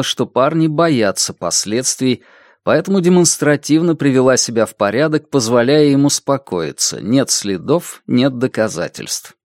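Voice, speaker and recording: Narrator for an audiobook, mid-pitched and expressive, with a dead-dry studio sound. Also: dry recording. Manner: expressive storytelling reading.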